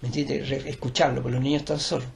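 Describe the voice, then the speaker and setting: A man's voice: medium pitch, level tone, quick pace, creaky, a crowd in the background. An older man with a Chilean accent, a teacher and performer, talking in a digressive, lecturing way with many restarts. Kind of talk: rambling conversational interview.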